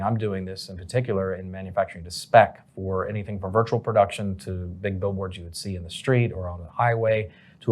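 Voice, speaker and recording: Guy in an interview, kinda low voice, rambles and says um a lot. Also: a little mellow. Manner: rambling, with many fillers and restarts. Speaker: company president, guest. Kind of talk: casual interview answers.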